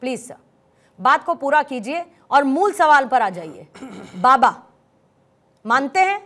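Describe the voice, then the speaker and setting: A woman's voice: high-pitched, big pitch swings, takes it slowly, a bit bright. A woman anchoring a heated televised debate, pressing guests and repeating her questions over them.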